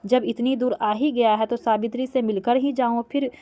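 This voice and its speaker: A woman's voice: on the high side, steady tone, moderate pace, warm tone, dull audio, natural voice. A woman reading as a concerned middle-aged family friend. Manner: read aloud plainly from a script.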